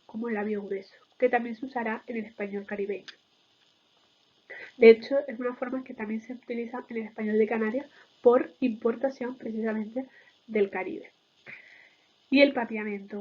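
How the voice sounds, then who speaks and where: A woman's voice: a little high, highs cut off. A woman giving an explanatory lecture in a didactic way, often checking in with short tag questions.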